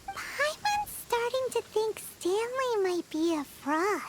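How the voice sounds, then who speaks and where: A woman voicing a tiny, excitable, blunt childlike fairy companion in a video game, with a squeaky voice. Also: takes it slowly, a little hiss or hum, heavily acted. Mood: skeptical. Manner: refers to self in third person, exclaiming. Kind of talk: animated video game voice acting.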